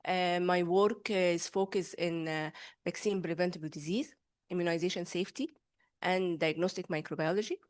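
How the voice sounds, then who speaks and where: A woman with an Egyptian accent gives a formal self-introduction to a group in an earnest, careful, halting way. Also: on the low side, fairly even intonation, a little mellow. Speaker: course participant, pharmacist.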